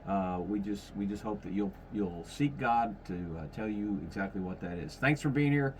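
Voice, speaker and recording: A man's voice: lowish voice, moderate pace, slight background noise. A man in his fifties hosting a podcast in casual chat, rambling and correcting himself as he goes. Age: 50s. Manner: rambling, self-correcting, folksy. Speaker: podcast host.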